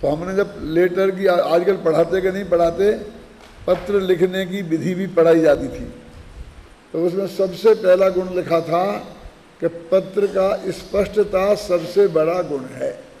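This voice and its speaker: Older man, scripture lecturer, high mellow voice, slow, teacherly, hall reverb. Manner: explains with repeated everyday examples, asks rhetorical checks. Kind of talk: scripture discourse.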